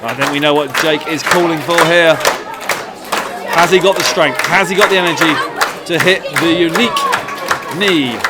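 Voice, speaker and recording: Urgent male wrestling commentator, high voice, noisy crowd. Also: fairly even intonation, moderate pace, over loud music. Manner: urgent rhetorical questions and repeated exclamations. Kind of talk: excited wrestling colour commentary. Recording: loud crowd and venue noise. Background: loud live crowd.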